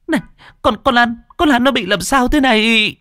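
A man's voice: extremely high pitch, extremely slow, fairly bright tone, dry recording, clean studio sound, voice pushed up, exaggerated voice. A man voicing a terrified young woman lodger who stammers in panic. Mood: panicked.

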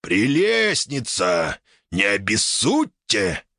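A man's voice: on the low side, wildly swooping pitch, extremely slow, vocal fry, bright, forceful tone, no echo, studio quality, exaggerated voice. A man voicing a talking boulder with bushy brows, an old sailor with a familiar, folksy way of talking, in an audiobook.

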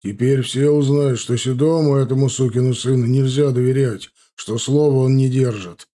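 A man voicing a blunt, swearing gangster who talks loudly and roughly. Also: mid-range voice, steady tone, normal speed, lightly acted. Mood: tough, blunt. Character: coarse tough male gangster, blunt and loud.

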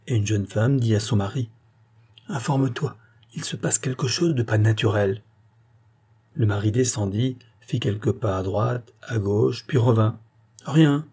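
A man reads a short story aloud in a measured, dramatic way. His voice is dark and mellow, with a husky edge. The telling is scripted and steady. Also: medium pitch. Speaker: story reader.

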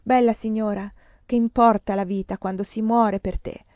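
A woman's voice: mid-range voice, steady tone, moderate pace, a little mellow, no echo, natural voice. A woman reading a passionate doomed nobleman. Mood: declaiming. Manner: declaiming, poetic. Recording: dull muffled sound.

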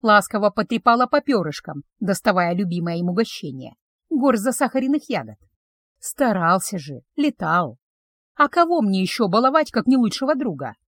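Expressive woman narrating an audiobook. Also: medium pitch, normal speed, dry recording, clean studio sound. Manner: expressive, lively storytelling. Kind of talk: first-person audiobook narration.

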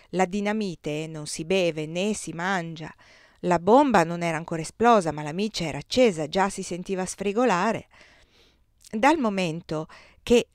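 A woman reading a novel aloud as an audiobook, with measured, expressive narration. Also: fairly low pitch, no echo, studio quality. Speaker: audiobook reader.

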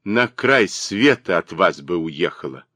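A man voicing a spiteful, gossiping old spinster woman with a shrill, mocking manner in an audiobook. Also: expressive, a little slow, pushed and bright, no echo, heavily acted.

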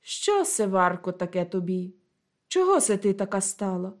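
A woman's voice: mid-range voice, very animated, moderate pace, a little mellow. A woman voicing a stern household mistress who questions a servant curtly, in a storybook reading. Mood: questioning.

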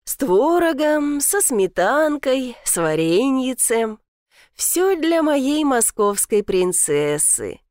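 A sly, doting village grandmother in her later years, full of folksy teasing, as a woman reader puts her on. Her voice sits high and swings freely in pitch. The recording is dry and close. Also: very animated, slow pace, a little mellow, no room sound, heavily acted.

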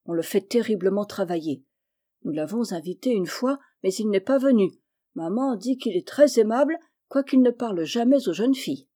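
A woman's voice: medium pitch, warm tone, natural voice. Brief: talkative young girl, light chatter, read by a woman narrator.

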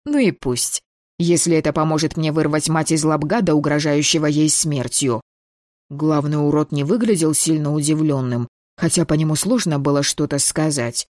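Measured audiobook narrator, dry close voice. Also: mid-range voice, darkish tone, no echo. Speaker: audiobook reader. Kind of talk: scripted first-person fantasy narration.

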